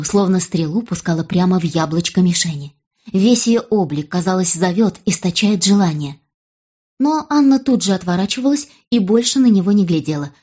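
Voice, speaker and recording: A woman reading a novel aloud as first-person narration in an even storytelling manner. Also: on the low side, husky, lo-fi sound. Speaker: audiobook reader.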